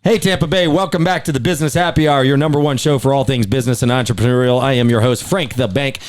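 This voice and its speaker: A man hosting a casual business radio show, energetic and jokey, talking about mortgages. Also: mid-range voice, fast talker, no room sound, studio quality. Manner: energetic, jokey, laughs often.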